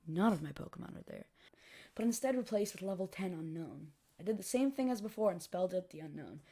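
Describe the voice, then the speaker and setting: A woman narrating a scripted horror story, reading dramatically with phrases that tail off softly. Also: on the low side, a little hiss or hum. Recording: music behind the voice. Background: music.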